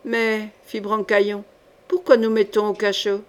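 A woman's voice: mid-range voice, little pitch movement, measured pace, close to an everyday voice. A woman reading an audiobook, voicing Brancaillon, a simple, easygoing male henchman. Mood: worried.

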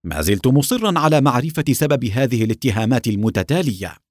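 A man's voice: mid-range voice, big pitch swings, fast, no echo, clean studio sound. A man reading the lines of an impatient, indignant male engineer in a storybook. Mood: annoyed. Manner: curt and indignant.

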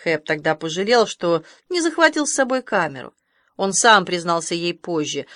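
A woman reading a novel aloud as an audiobook narrator, measured and expressive, recorded close to the mic. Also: lowish voice, no room sound. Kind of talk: scripted narration.

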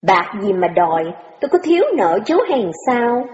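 A woman's voice: medium pitch, big pitch swings, normal speed, a little mellow, lightly acted. A woman voicing a cold young woman who curtly rejects her former lover, in an audio story. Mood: dismissive. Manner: curt, dismissive. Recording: echoey hall with a long reverb, lo-fi.

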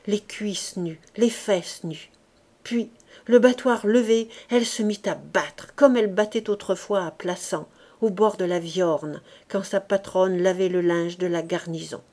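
A woman with a French accent reading a classic novel aloud as narration, raising her voice for the characters' shouts. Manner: acts out the characters' shouts with raised pitch and volume. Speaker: audiobook reader.

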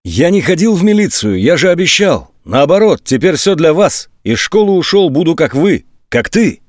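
A man's voice: mid-range voice, very animated, normal speed, a little mellow, dry recording, studio quality. A man voicing a frightened young teenage boy who pleads desperately. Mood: pleading. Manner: pleading, breathless with fear.

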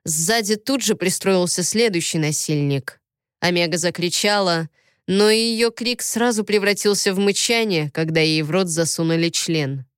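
A woman reading a story aloud as narrator, in a steady, even manner. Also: fairly low pitch, normal speed, clean tone, no room sound, studio quality. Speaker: audiobook narrator. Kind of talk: scripted narration.

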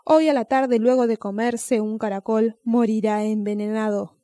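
A woman voicing a crafty, calm male snail who talks patiently and persuasively. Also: on the high side, moderate pace, no room sound, clean studio sound, natural voice. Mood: coaxing.

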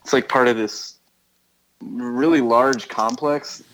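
A man's voice: mid-range voice, takes it slowly, a little hiss or hum, poor audio. An American man, a touring musician, talking casually and thinking aloud during a phone interview. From United States. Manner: rambling, relaxed, thinking aloud.

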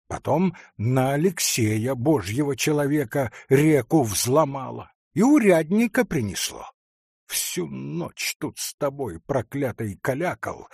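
Male reader puts on a scared, grumbling sexton with a husky, slow mutter for a storybook. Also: mid-range voice, no room sound, clean studio sound, exaggerated voice. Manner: hoarse, grumbling, tearful accusing mutter. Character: frightened superstitious village sexton, middle-aged man.

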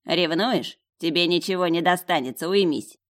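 A woman with a low voice reading an audiobook, voicing a cocky talking dog who is really a young male necromancer, brash and teasing. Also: moderate pace, natural voice. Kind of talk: audiobook character voice.

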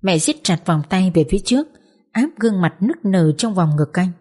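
A woman reading a social drama audiobook in a measured, dramatic storytelling manner. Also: lowish voice, expressive, darkish tone, breathy edge. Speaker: audiobook narrator. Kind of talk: scripted narration.

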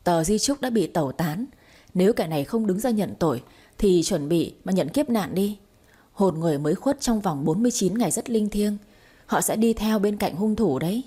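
A woman's voice: medium pitch, lively intonation, normal speed, warm tone, breathy edge. A woman voicing a bold, cunning young woman who speaks sternly and commandingly. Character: sharp-tongued young woman playing medium, bold and cunning.

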